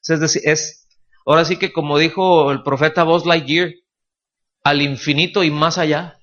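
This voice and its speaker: A pastor preaches an expository sermon in a fairly high voice. He keeps the talk colloquial and jokey and often checks that his listeners follow. The recording sounds dull and lo-fi. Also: fairly even intonation, normal speed, fairly bright tone.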